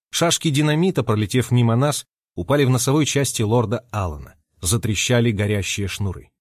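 Expressive male audiobook narrator. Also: mid-range voice, no room sound, clean studio sound. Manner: lively and expressive. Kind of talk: first-person audiobook narration.

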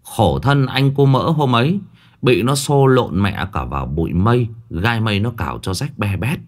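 Guy narrating a ghost story, lowish voice, swings all over with expression. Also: expressive, normal speed.

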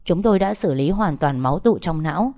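A woman voicing a calm, professional male doctor who reassures a patient's family in a spoken story. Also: lowish voice, brisk. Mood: reassuring. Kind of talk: audiobook storytelling.

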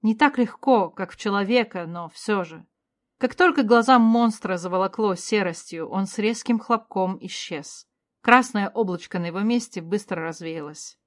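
Woman reading a fantasy audiobook, steady and clear. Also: mid-range voice, moderate pace. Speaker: narrator. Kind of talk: scripted first-person fantasy narration.

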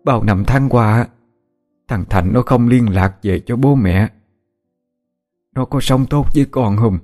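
A man's voice: medium pitch, slow, a little mellow, soft background music, lightly acted. A man voicing a frail, half-blind old village mother who speaks in a trembling, tearful, pleading way. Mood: tender, tearful. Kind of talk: audiobook character voice.

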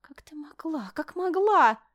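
A haughty young princess with a high, piercing voice that swings wildly up and down, speaking in an imperious, bossy way, as a woman reading a novel aloud puts her on. The reading is an audiobook-style narration. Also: sing-song, normal speed. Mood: hysterical. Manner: imperious, shrill when upset.

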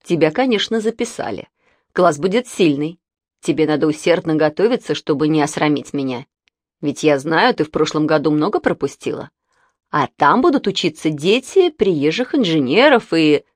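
A woman's voice: deep voice, expressive, normal speed, no echo, studio quality. A woman voicing a strict middle-aged aunt who scolds in curt, stern phrases.

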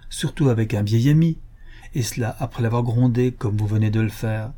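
Man doing old rich drunkard, gruff, bitter, husky, dark. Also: mid-range voice, brisk, close to an everyday voice. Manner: gruff, bitter, bursts out loudly. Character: sick, bitter, hard-drinking rich old builder.

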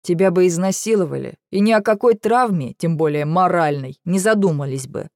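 A woman's voice: lowish voice, a little fast, darkish tone, dry recording, clean studio sound, natural voice. A woman voicing a young male dragon who is caring but stern, patient at first and then sharply scolding, in an audiobook. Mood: insistent. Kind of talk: audiobook narration.

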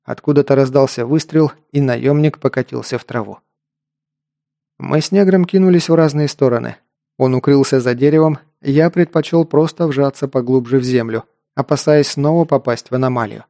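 A male narrator with a dark, gravelly voice reads a first-person action story. His delivery is brisk and wry, recorded close and completely dry. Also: medium pitch, no echo. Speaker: audiobook narrator.

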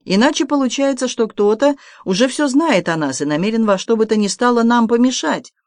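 An audiobook reader voicing a level-headed young officer who talks in a calm, reasoning way. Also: mid-range voice, fairly quick, no room sound, studio quality, pitched above the performer's own voice, natural voice. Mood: thoughtful. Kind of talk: audiobook character voice.

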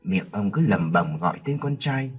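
A man narrating a horror story in a dramatic, expressive way. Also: fairly low pitch, normal speed, breathy edge, soft background music.

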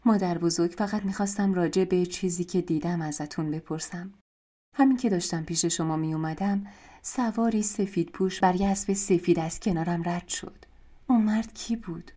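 A woman's voice: lowish voice, warm tone, lightly acted. A woman reading as a meek young girl. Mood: timid. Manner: polite, hesitant.

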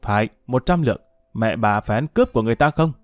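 A man's voice: mid-range voice, lively intonation, quick pace, no room sound, faint music behind, natural voice. A man voicing an angry, self-pitying older father, scolding and cursing. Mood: indignant.

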